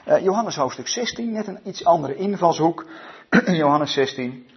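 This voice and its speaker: A man's voice: fairly high pitch, expressive. A man leading a Bible study evening, reading scripture aloud and talking it over with many hesitant fillers and restarts. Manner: reads scripture aloud in a measured tone. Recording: dull lo-fi recording.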